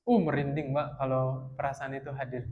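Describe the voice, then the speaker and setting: A male preacher, giving a sermon in a mosque study circle, calling his listeners "Pak", asking them questions, and swinging from loud, emphatic rises to quiet, drawn-out phrases. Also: medium pitch, flat delivery, phone-quality sound. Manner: addresses listeners as Pak, asks rhetorical questions; chants Arabic verses slowly. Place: mosque hall. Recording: long hall reverb.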